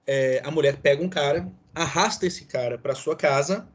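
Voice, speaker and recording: A man's voice: fairly high pitch, normal speed. A man from Brazil with a Brazilian accent, giving a classroom law lecture as professor, explaining with many fillers and tag questions. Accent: Brazilian Portuguese.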